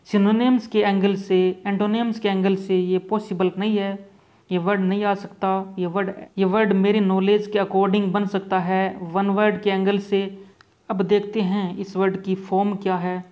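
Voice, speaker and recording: A man teaching an exam-prep vocabulary lesson, explaining each word slowly and repeating points, with English terms mixed into Hindi. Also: sits high, little pitch movement, darkish tone.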